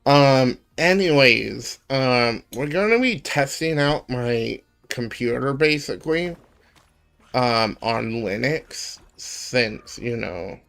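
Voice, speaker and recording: Slow rambling guy with a gravelly voice. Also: medium pitch, animated, a bit bright. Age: 20s. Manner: rambling, many ums and pauses. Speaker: streamer. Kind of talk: casual live stream chat.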